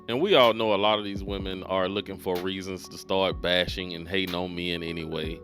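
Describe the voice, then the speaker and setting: A man's voice: sits low, a bit bright. A man hosting a dating commentary channel, reacting to clips with blunt, opinionated remarks.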